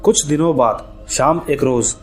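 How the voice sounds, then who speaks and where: A man narrating a scripted horror story in a steady, even storytelling manner. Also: a little high, normal speed. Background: faint background music.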